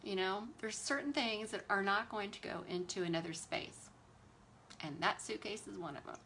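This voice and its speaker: A woman's voice: medium pitch, moderate pace, fairly bright tone, slight background noise. A woman, chatting animatedly and with exasperated sass while hosting a beauty livestream. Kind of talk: casual livestream chat while doing makeup.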